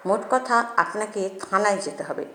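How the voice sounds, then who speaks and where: A woman voicing a firm, brisk male police inspector. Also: medium pitch, expressive, bright, forceful tone, roomy sound. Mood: stern. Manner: firm, incredulous.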